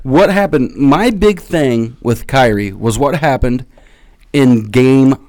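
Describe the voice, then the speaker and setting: A man's voice: mid-range voice, slow pace, a little mellow, no echo. Argumentative male co-host, dry sound. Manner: argumentative, insistent. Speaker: podcast co-host. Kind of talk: casual sports debate.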